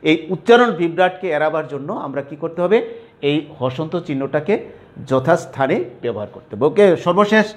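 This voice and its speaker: Slightly high-voiced male teacher lecturing. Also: very animated. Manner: repeats words slowly and asks 'clear?' often. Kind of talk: classroom lecture on pronunciation.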